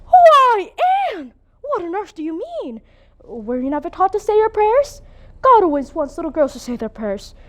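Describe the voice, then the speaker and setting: Woman doing a strict old spinster, bossy and disapproving, still pretty high voiced. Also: sing-song, fairly bright tone, heavily acted. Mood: scolding. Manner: scolding, brisk, disapproving. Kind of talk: competitive humorous interpretation.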